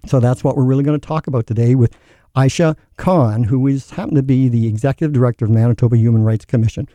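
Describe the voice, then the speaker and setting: A man's voice: mid-range voice, quick pace, mellow, no echo. A middle-aged man from Newfoundland with a Newfoundland accent, hosting a show and telling an earnest personal story before an interview. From Newfoundland, Canada. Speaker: podcast host.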